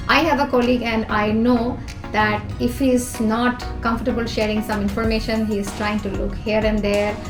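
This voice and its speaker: Woman, Bangladeshi English accent, earnest advice vlogger, slightly high voice, roomy echo. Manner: earnest, explains numbered tips with everyday examples. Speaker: youth organisation president and vlog host. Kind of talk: talking-to-camera advice vlog. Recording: echoey room with music behind.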